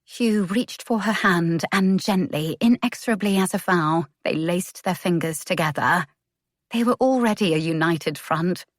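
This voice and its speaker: Woman, romance audiobook narrator, measured, low voice, dry close sound. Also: dry recording. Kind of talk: scripted narration.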